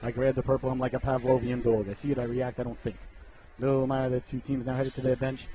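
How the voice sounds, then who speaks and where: Sniffly from a cold, a middle-aged man provides casual commentary for an amateur hockey game, rambling and trading jokes with viewers. He talks fast in a mellow, medium-pitched, level voice, over slight background noise on a rough recording.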